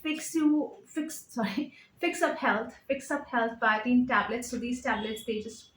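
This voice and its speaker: A woman's voice: on the high side, unhurried, a bit bright, roomy sound, a little hiss or hum, low-quality recording. A woman chatting casually at home in a show-and-tell vlog, reading out product labels with lots of fillers. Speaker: lifestyle vlogger. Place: home living room.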